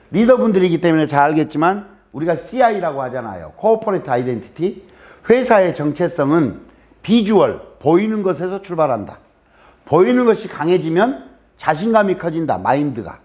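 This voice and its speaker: Man, Jeolla Korean accent, joking lecturer, teasing rhetorical questions, high voice, dull lo-fi recording. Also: darkish tone. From Jeolla, South Korea. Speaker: guest lecturer. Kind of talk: humorous lecture to a live audience. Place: lecture room.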